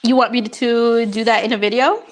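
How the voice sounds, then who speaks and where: A woman's voice: on the high side, steady tone, normal speed. A young woman from Honduras, a YouTuber casually chatting with viewers and answering their questions, upbeat and full of fillers. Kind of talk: casual livestream chat.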